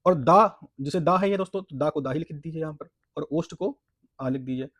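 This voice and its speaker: A man gives an exam-prep lesson in a slightly high voice, sounding out syllables one at a time. He keeps asking his own questions and answering them. The recording is dry and close. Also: no room sound. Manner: repeats points, asks and answers own questions, says "friends" often; spells out syllables slowly for practice. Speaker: teacher.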